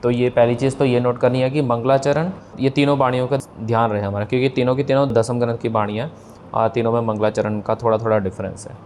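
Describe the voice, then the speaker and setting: A man's voice: medium pitch, little pitch movement, a little mellow, slight background noise. Patient man teaching scripture pronunciation. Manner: patient, slow demonstrations of pronunciation; mixes English words into explanations.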